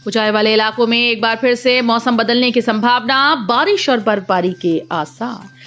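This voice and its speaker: A woman reading a scripted regional news bulletin in a steady, formal voice. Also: on the high side, normal speed, soft background music. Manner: steady formal headline delivery. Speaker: news reader.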